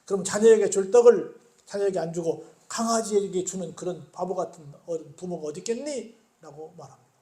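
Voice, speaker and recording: A man's voice: high-pitched, fairly quick, warm tone. A male pastor preaching a sermon. He asks the congregation questions, answers them himself, and acts out the biblical speakers in quoted lines. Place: church sanctuary. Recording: echoey church sanctuary.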